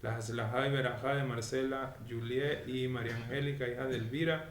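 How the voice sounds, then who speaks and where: A man's voice: mid-range voice, steady tone, brisk. A man teaching a weekly Torah lesson in a didactic way, often checking that his listeners follow. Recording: echoey room with faint noise.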